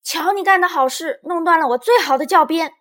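A woman's voice: on the high side, normal speed, fairly bright tone, pitched above the performer's own voice, close to an everyday voice. A woman doing a bossy little girl playmate. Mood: angry. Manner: bossy, commanding. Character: bossy young girl playmate who loves bragging.

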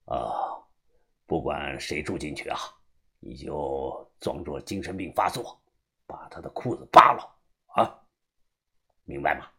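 Deep cold old boss guy, slow and heavy, narrator putting him on. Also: bright, forceful tone, slightly rough, full character voice. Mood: stern. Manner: slow, low, grave. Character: stern old male asylum boss, cold and commanding.

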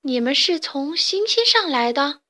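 Woman doing a high, curious little chick boy for a storybook, wide-eyed. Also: lively intonation, moderate pace, bright, forceful tone. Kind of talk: storybook character voice.

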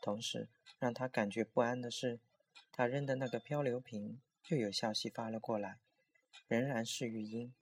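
A man narrating a scripted horror story in a steady storytelling voice. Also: mid-range voice, moderate pace, slightly rough.

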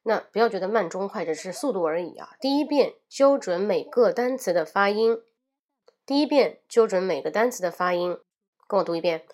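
A woman teaching spoken English. She reads drill phrases slowly and loudly and explains them briskly between the drills. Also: medium pitch, expressive.

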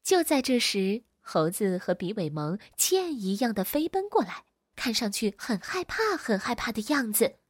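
A woman reading a children's storybook aloud in an expressive, animated way. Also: on the high side, moderate pace, breathy edge, no room sound, clean studio sound.

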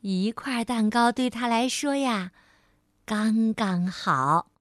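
A woman's voice: fairly high pitch, slow pace, no echo. A woman telling a story to a child, addressing the listener tenderly and reading expressively, recorded on a close mic.

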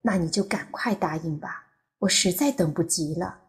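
A woman's voice: lowish voice, moderate pace, natural voice. A woman voicing an eager grown man courting a woman, pleading and easily flustered, in an audiobook. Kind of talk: audiobook character voice.

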